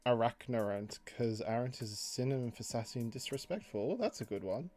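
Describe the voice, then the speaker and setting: A man chats casually on a livestream while drawing, reading chat messages aloud and laughing often, his pitch jumping up whenever he jokes. His voice is animated, brisk, and a little mellow.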